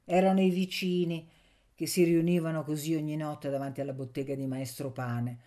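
Expressive woman reading a novel. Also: low-pitched, brisk. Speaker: audiobook narrator. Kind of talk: scripted literary narration.

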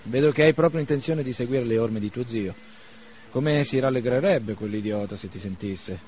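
A man's voice: mid-range voice, moderate pace, slight background noise, lightly acted. A man reading the part of a blunt, scornful young man who mocks and provokes his friend, on a slightly dull radio recording. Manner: sarcastic, forceful.

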